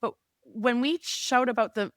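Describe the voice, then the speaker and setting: A woman's voice: a little high, unhurried, no echo. A woman in her thirties, a sports director as interview guest, talking earnestly and getting fired up, with frequent restarts. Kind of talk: casual conversational interview.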